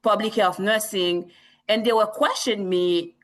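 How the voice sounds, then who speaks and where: A woman's voice: medium pitch, steady tone, measured pace, low-quality recording. Earnest woman from Haiti, interview guest. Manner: earnest, repeats herself, frequent restarts. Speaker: guest, psychiatric nurse practitioner. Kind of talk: interview conversation.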